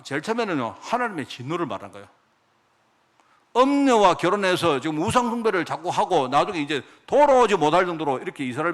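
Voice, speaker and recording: A middle-aged male pastor preaching a sermon in church. His voice sits a little high for a man and swings widely in pitch as he acts out God's words. He keeps putting rhetorical questions to the congregation. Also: a bit bright.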